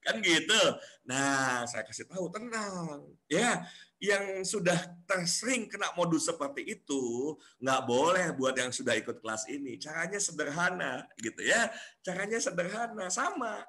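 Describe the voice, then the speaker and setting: A man giving a coaching class, animated and acting out the people he quotes. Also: on the high side, normal speed. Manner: animated, acts out quoted voices.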